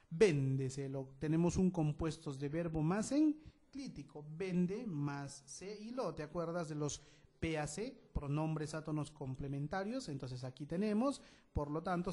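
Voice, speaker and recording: Peruvian guy teaching grammar, kinda high voice, keeps asking "right?" as he goes. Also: a little mellow. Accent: Peruvian Spanish. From Peru. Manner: instructive, repeats "¿no es cierto?" after each point. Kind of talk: classroom lesson explanation.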